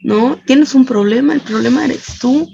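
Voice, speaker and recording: A controlling, patronizing husband who talks down to his wife, as a Mexican woman with a Mexican accent quotes him. The voice stays fairly high and gravelly, and it is heard on a dull lo-fi recording. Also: measured pace, dark tone, slight background noise. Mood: condescending. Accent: Mexican Spanish. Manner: coaxing then condescending. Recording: dull lo-fi audio.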